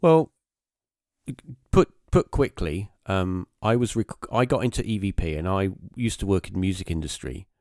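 A man's voice: deep voice, animated, moderate pace, darkish tone, dry recording, studio quality. A man, hosting a podcast and recounting a story casually, rambling with many fillers and restarts. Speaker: podcast host.

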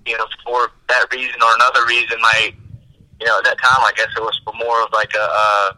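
A man's voice: medium pitch, flat delivery, a little fast, bright, forceful tone, poor audio. Laid-back man on a speakerphone call. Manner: laid-back, drawling, peppered with "man" and "dude". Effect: heard over a phone on speakerphone. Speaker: phone-in guest. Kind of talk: casual phone chat.

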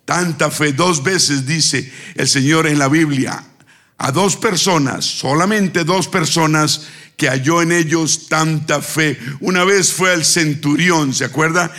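Gravelly, bright-voiced preacher man. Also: a little high, slow. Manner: call-and-response, dramatizes scripture voices; shouts at peaks. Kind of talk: sermon.

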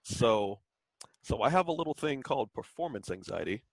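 A man's voice: medium pitch, very animated, normal speed, creaky, no room sound, rough recording. A man co-hosting a podcast, talking candidly and loosely with lots of fillers in casual chat. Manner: candid, rambling, many fillers. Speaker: podcast co-host.

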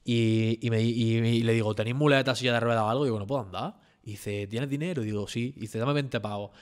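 A young man from southern Spain with an Andalusian accent, telling a story as a guest in a relaxed, slang-heavy chat. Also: medium pitch, fairly quick. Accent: Andalusian Spanish. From Almería, Spain. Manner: slangy, animated storytelling, full of street fillers. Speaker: rapper and freestyle battler, guest.

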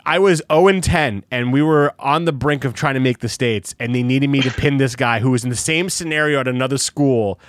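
A young adult man in casual podcast chat, telling stories in an animated way and acting out the voices of people he quotes. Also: medium pitch, a little fast, hardly any pauses, no room sound, studio quality.

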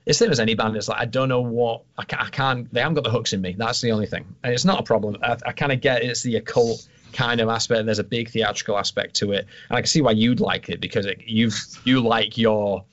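A man's voice: mid-range voice, steady tone, quick pace, few pauses, a bit bright. A man from England in casual chat as a podcast co-host, dry, teasing and blunt with swearing. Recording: dull lo-fi sound.

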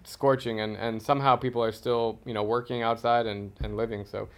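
Male host, average pitch, enthusiastic and emphatic, conversational interviewer. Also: flat delivery, a little fast. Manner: enthusiastic, emphatic travel talk. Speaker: podcast host.

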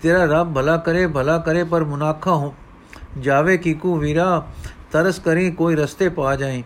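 A man's voice: a little high, fairly even intonation, unhurried, a little hiss or hum, natural voice. Man voicing a grieving old grandfather, pleading. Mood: sorrowful pleading. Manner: sorrowful, pleading.

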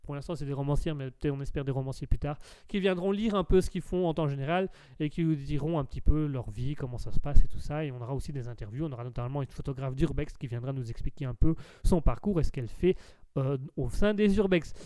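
A man's voice: a little high, fast talker, mellow, clear, resonant tone, dry recording. A man hosting a casual web radio show, talking in a chatty way and announcing upcoming segments. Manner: chatty, with fillers and restarts.

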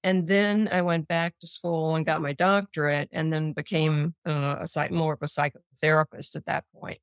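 An older woman with a Tidewater Virginia accent, explaining things in a measured, conversational way as an interview guest. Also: low-pitched, flat delivery, clear, resonant tone, dry recording, clean studio sound. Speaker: interview guest, clinical psychologist.

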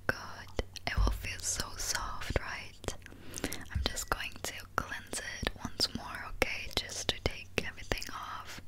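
A woman in a whispered role-play as a spa aesthetician, speaking in a soothing, attentive whisper as she gently explains each step. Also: slow, rough recording.

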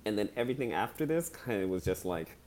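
A man with a low voice talking through films in a relaxed, measured way. He leans on fillers like "you know". The tone is easygoing chat among friends. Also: a crowd in the background. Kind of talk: casual film discussion.

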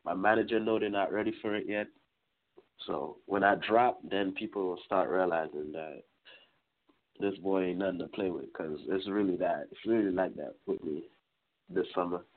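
A young man in his twenties from Trinidad and Tobago, talking casually as a musician guest in an interview, relaxed and rambling. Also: sits low, normal speed. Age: 20s. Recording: tinny phone-like line.

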